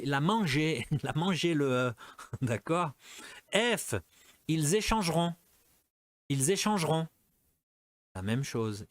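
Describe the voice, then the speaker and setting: A man teaching a French lesson, repeating each example several times and slipping into quick Portuguese asides. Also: mid-range voice, no room sound. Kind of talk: explaining a language lesson.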